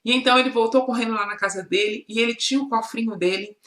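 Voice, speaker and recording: A Brazilian woman telling a children's story in a lively, expressive way, as a children's ministry storyteller. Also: on the high side, fast talker, reverberant. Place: church room.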